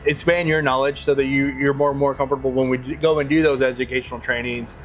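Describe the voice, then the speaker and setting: A man's voice: medium pitch, level tone, fast. A middle-aged man hosting a podcast and chatting casually. He sounds upbeat and welcoming and uses a lot of fillers. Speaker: podcast host.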